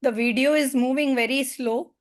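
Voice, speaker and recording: A woman's voice: sits high, fairly even intonation, normal speed. A woman heard through a lagging video call, giving short, plain reports as a course participant. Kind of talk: brief remarks over a video call.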